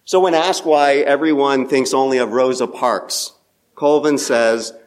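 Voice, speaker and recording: Slow, measured male minister. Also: mid-range voice. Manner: measured, rhythmic repetition of phrases. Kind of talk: sermon with guided meditation.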